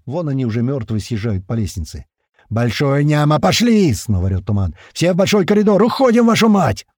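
A man narrating a first-person action audiobook in rough slang, breaking into loud shouted lines. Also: mid-range voice, no room sound, clean studio sound.

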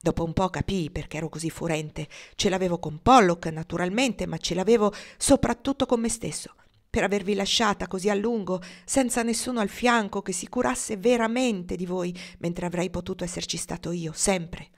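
A woman's voice: fairly low pitch, steady tone, moderate pace, lightly acted. A woman reading the part of an earnest, romantic young gunslinger man, speaking in heartfelt declarations.

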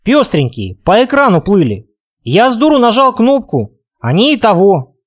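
A man's voice: sits high, huge pitch swings, moderate pace, exaggerated voice. A male audiobook reader voicing a sulky, impatient young man who answers grudgingly and irritably. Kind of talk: audiobook character reading.

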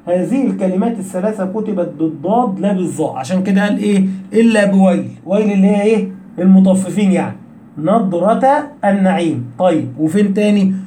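A man's voice: high-pitched, mellow, slight background noise. A man with an Egyptian accent teaching Quran recitation rules, asking his listeners questions and answering them himself. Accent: Egyptian Arabic. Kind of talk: explanatory lesson. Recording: echoey room.

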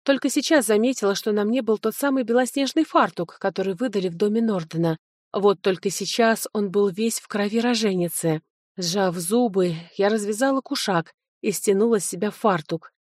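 A woman narrating a first-person novel as an audiobook in an earnest, steady storytelling voice. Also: mid-range voice, normal speed, no room sound, clean studio sound.

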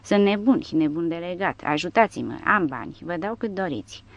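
A woman's voice: lowish voice, expressive, no room sound. A woman reading the part of a terrified brothel keeper who begs desperately, in an audiobook. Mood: desperate pleading. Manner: pleading, desperate.

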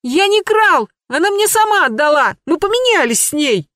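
A reader voicing a frightened but defiant eight-year-old boy who wails and protests in a high, shrill voice. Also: very animated, normal speed, pushed and bright, no echo, clean studio sound, full character voice. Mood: panicked yelling. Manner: shrill wailing. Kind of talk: audiobook character voice.

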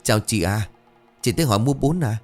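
A courteous young village girl speaks up brightly and apologetically, her voice lifted high, as a male narrator puts her on. Faint music hums behind. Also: lively intonation, a little fast, natural voice. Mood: polite. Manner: polite, apologetic.

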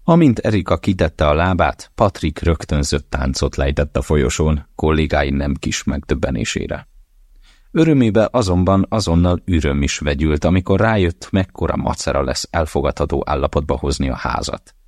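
A man narrating an audiobook in a steady, measured reading. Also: a bass voice, no room sound, studio quality. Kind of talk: scripted narration.

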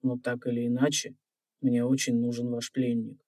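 A man's voice: medium pitch, monotone, normal speed, darkish tone, no echo, far from the mic, lightly acted. An actor playing an earnest young man in an audio fairy tale, with a courteous, serious way of speaking. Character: earnest, polite slight young red-haired man.

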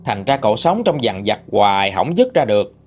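A man with a Southern Vietnamese accent narrating a ghost story in a dramatic, animated way. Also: on the low side, moderate pace, soft background music.

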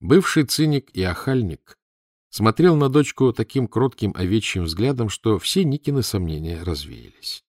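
A man narrating an audiobook in an expressive reading, close to the mic. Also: fairly low pitch, moderate pace, no room sound. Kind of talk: scripted narration.

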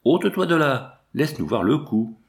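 A man voicing a gruff, easygoing old male trapper who talks bluntly. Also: medium pitch, very animated, moderate pace, voice pushed up. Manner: blunt, familiar.

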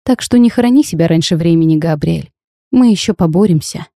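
A woman reading the lines of a bold, sharp-tongued young half-fairy bride in a storybook tale, lively and teasing in tone. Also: on the low side, brisk, no echo, clean studio sound. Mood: spirited.

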